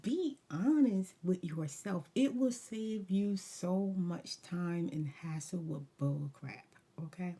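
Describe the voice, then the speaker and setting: Woman doing a rambly asmr story time, soft dark tone, real slow, slangy and candid advice. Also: on the low side, animated, breathy edge. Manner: candid, emphatic, advice-giving with slangy asides. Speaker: ASMR vlogger. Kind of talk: casual rambling story time while eating snacks, ASMR.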